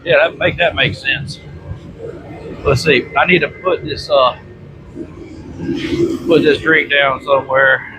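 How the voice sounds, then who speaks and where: Congested from bronchitis, a man hosts a vlog from his workshop, rambling to camera in a folksy, colloquial way. His fairly high, chesty voice is slow with frequent pauses and throat clearing, and a running heater makes steady background noise.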